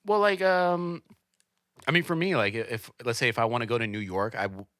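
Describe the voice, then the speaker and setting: A man's voice: mid-range voice, a little fast, a bit bright, no echo, studio quality. A young man hosting a podcast in casual chat, playful and teasing, often laughing. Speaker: podcast host.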